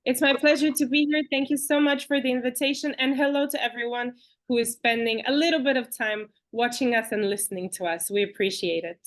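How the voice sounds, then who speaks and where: A woman from Bulgaria, a guest in an interview, talking in an animated, chatty way with fillers and restarts over a video call. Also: on the high side, fairly quick. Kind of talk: conversational interview.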